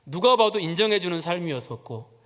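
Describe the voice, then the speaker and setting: A pastor with a high, expressive, brisk voice and a somewhat bright sound preaches from a church sanctuary. He recounts something from his own life, dramatizing each quoted voice, while the hall's long reverb trails behind him.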